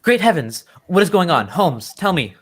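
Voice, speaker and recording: An actor playing a genial, loyal and excitable English gentleman doctor who tells stories in old-time radio drama style. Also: high voice, moderate pace, slightly rough, exaggerated voice. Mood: alarmed, indignant. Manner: genteel, old-fashioned storytelling.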